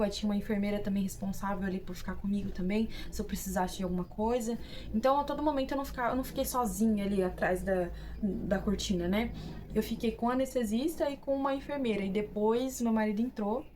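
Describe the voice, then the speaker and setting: A woman's voice: a little high, darkish tone, a little hiss or hum. A young woman with a Brazilian Portuguese accent, casually telling viewers her own story, chatty and full of fillers and restarts. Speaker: vlogger.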